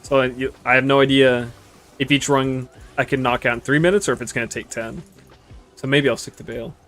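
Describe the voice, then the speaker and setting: A man's voice: medium pitch, brisk, soft background music. Young man casually rambling over gameplay. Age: 20s. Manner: relaxed, rambling, swears casually. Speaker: gaming streamer. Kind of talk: casual gameplay commentary chatting with viewers.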